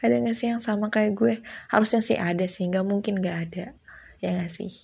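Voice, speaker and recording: Husky, gravelly young woman chatting to viewers. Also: mid-range voice, fairly even intonation, brisk, a little mellow. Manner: chatty, slangy, laughs often, addresses viewers directly. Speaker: vlogger. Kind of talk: casual confessional monologue.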